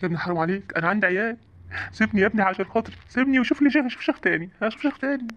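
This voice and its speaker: A man's voice: sits high, very fast, a bit bright, dull audio. A man voicing a cowardly, panicky sheikh in a comic cartoon, with an Egyptian accent and a pleading, jittery way of talking. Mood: begging. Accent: Egyptian Arabic. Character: cowardly middle-aged male sheikh, panicky. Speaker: sheikh called to drive out spirits.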